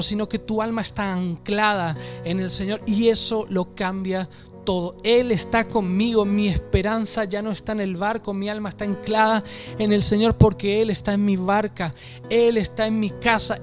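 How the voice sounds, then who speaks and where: A man preaches an online sermon and leads prayer. His voice sits high and his delivery is earnest and fervent. Soft music plays faintly behind him. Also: fairly even intonation, moderate pace. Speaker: pastor.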